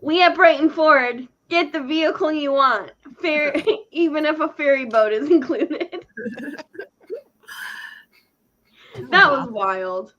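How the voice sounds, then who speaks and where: A woman's voice: high voice, takes it slowly, long pauses, sharp tone. A woman in her thirties who works at a car dealership, bubbly and giggly in casual chat. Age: 30s. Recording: dull lo-fi sound.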